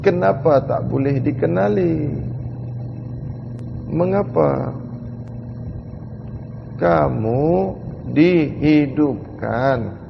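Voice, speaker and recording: Male religious teacher, slow and emphatic, rhetorical questions; long hall reverb, faint background noise. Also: mid-range voice, gravelly, dull audio. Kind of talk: mystical religious lecture.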